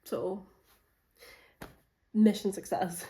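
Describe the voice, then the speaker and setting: Her stuffy cold audible, a book vlogger rambles chattily through a casual vlog from her home kitchen, using many fillers. She speaks very slowly in a steady, medium-pitched voice with a dark tone, captured by a distant mic in an echoey room.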